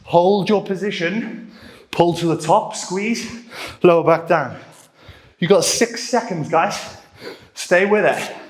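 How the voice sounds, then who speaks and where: A man's voice: high-pitched, takes it slowly, pauses often. A man coaching a live workout, giving short encouraging commands and countdowns, a little out of breath. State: getting out of breath. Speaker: fitness coach. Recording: roomy echo.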